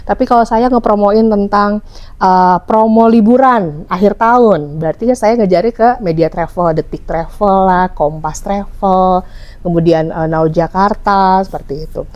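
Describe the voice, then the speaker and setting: A woman's voice: mid-range voice, normal speed, highs cut off. A young woman from West Java with a Sundanese accent, a hotel publicist explaining her work in a casual podcast interview, with many fillers. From West Java, Indonesia. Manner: chatty, explanatory, frequent fillers. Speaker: hotel public relations officer.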